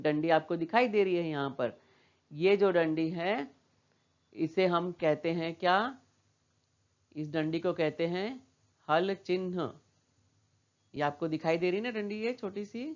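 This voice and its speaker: A woman's voice: fairly low pitch, a little mellow, muffled recording. A woman teaching a primary school lesson, patiently repeating words and asking questions back to the children. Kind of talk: slow classroom lesson for young children.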